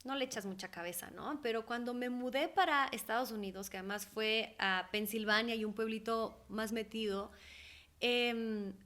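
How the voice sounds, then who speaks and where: A woman's voice: a little high, moderate pace. A young adult woman from Ecuador, talking casually and animatedly as an interview guest. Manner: animated, laughs often, acts out quoted voices. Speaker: guest, holistic therapist.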